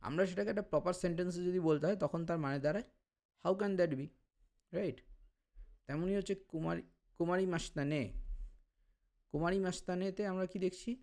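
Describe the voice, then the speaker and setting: A man explaining language study as a tutor, patient and step by step, sounding out syllables slowly. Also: high-pitched, vocal fry, a little mellow.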